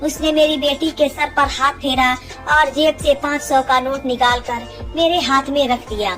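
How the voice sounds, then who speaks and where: A woman's voice: sits high, fairly even intonation, unhurried, a bit bright, faint music behind. A woman narrating an emotional first-person story in an earnest, sorrowful way.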